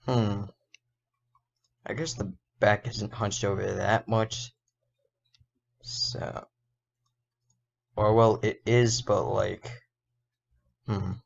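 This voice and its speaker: A man talks through his animation work in a casual, think-aloud tutorial, often stopping to correct himself. His voice is a bit hoarse and gravelly, and he speaks at an unhurried crawl. The recording sounds dull and lo-fi. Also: lowish voice, steady tone. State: slightly hoarse. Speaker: indie game developer and animator.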